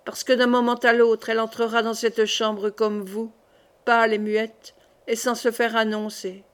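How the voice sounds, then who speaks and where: A woman's voice: a little high, flat delivery, moderate pace, lightly acted. A woman reading the part of a dying young king, grave, solemn and commanding.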